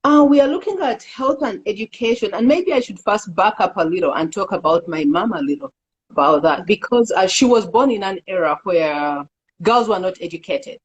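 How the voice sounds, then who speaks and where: Middle-aged woman from Uganda, interview guest, earnest and unhurried, mid-range voice. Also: mid-range voice, expressive, husky, low-quality recording. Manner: earnest, halting with fillers, laughs easily. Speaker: executive director, interview guest. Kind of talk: casual interview talk.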